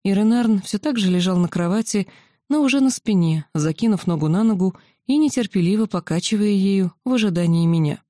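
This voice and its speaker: A woman's voice: mid-range voice, expressive, brisk, warm tone, no room sound, clean studio sound. Woman reading a fantasy novel aloud. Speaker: audiobook narrator. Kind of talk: first-person novel narration.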